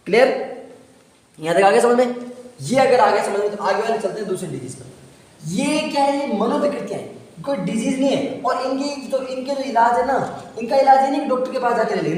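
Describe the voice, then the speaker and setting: High-voiced male teacher in an echoey room. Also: darkish tone, recorded from a distance. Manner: repetitive, asks the class questions and answers them. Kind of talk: classroom lecture on psychology.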